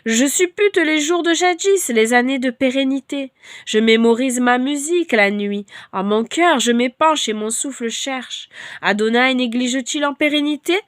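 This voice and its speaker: Woman, devotional reader; loud, fervent scripture declamation, bright-ish register. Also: sits high, moderate pace, no room sound, clean studio sound. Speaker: bible reader.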